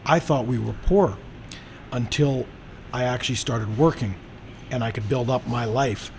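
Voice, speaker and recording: A man's voice: medium pitch, normal speed, vocal fry, a little hiss or hum. A middle-aged man from Canada hosting a podcast, talking in an emphatic, lecturing way. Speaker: podcast host. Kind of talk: casual conversation.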